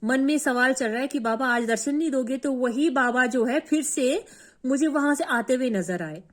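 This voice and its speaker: A woman's voice: high-pitched, moderate pace. A woman telling her own devotional experience in an earnest, emotional way, often repeating herself. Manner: earnest, repetitive, emotional storytelling. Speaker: devotee sharing a personal experience. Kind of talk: emotional first-person testimony.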